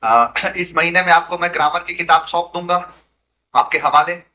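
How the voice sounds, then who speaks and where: A young male teacher with a bright, forceful voice that sits fairly high for a man. He teaches vocabulary playfully and acts out comic family scenes. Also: normal speed. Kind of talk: Hindi-medium vocabulary lesson with acted skits.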